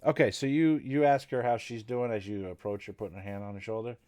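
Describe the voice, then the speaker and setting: A man's voice: on the low side, fast talker. A man narrating as game master in a tabletop game, describing scenes loosely with many fillers. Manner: relaxed, rambling description with fillers.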